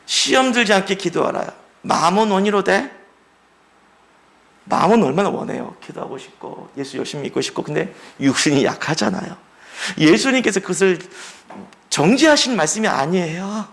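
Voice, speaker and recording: A man's voice: high voice, sing-song, moderate pace, gravelly, a bit bright. A middle-aged man preaching a sermon as pastor, emphatic and acting out the voices he quotes.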